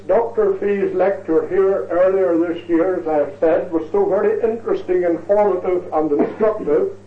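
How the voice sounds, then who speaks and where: High-voiced lecturer, tinny distant. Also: male voice. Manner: measured, ornate, repeats phrases for emphasis. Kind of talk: formal history lecture. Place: lecture hall. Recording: tinny, echoey recording from far off.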